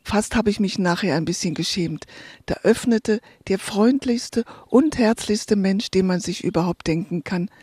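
Radio host narrator, soft and earnest, mellow and breathy, dry close mic. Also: medium pitch, a little slow, no echo.

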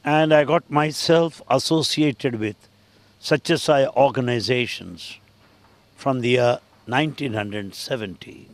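An older man with an Indian English accent, answering interview questions in a measured, deliberate way. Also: mid-range voice, dry recording. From Andhra Pradesh, India. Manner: measured, deliberate, spells words out. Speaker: interview guest.

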